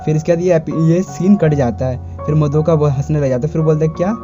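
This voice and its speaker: A man's voice: on the high side, fairly quick, over music. A man casually retelling an anime episode, stringing events together in a rambling way with frequent restarts. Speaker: anime recap narrator. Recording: dull lo-fi recording.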